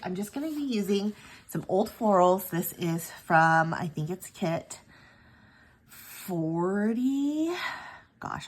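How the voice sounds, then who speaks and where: This planner sticker channel host has a husky, fairly low-pitched voice. Congested from a cold, she chats loosely about her weekly planner layout for a vlog, peppering it with ums and self-corrections.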